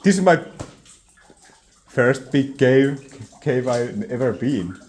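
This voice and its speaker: Nervous, slow-talking man inside a concrete bunker. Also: mid-range voice, animated, darkish tone. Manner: hesitant, nervous. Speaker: vlogger exploring. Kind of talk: casual chat while exploring. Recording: clear ambient noise inside concrete bunker.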